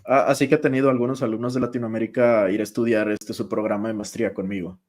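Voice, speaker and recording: A man's voice: lowish voice, flat delivery, fast talker, a little mellow. A man interpreting live in an interview over a video call, casual and friendly, with filler words.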